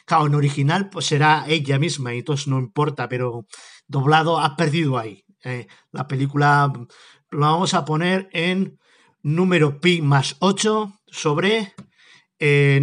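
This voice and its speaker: Chatty, jokey man rambling. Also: on the high side. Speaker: podcast host. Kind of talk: casual rambling monologue.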